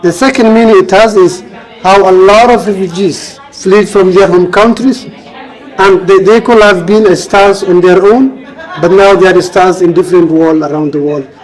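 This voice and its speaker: A high-voiced man with a Somali accent answers interview questions at a moderate pace in a steady tone, explaining earnestly and repeating phrases for emphasis. He is an author and refugee advocate from Somalia who grew up in Kenya. The recording is rough.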